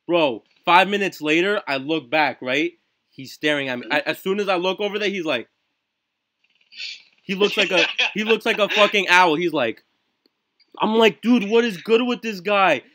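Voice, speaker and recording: Bright-voiced teenage guy telling a profane story. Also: sits high, moderate pace, long pauses. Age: teens. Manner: profane, excitable, with constant fillers and "right?" tags. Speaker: livestream podcast host. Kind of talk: casual storytelling on a live stream. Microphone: home stream mic with glitchy audio.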